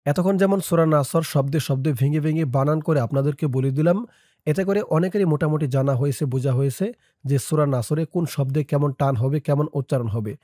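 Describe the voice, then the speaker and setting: A man teaching Quran reading, spelling each word out letter by letter and then reciting it in a slow, drawn-out melodic chant. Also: fairly high pitch, dark tone, no echo, studio quality. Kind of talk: spelling out and slowly reciting a short surah.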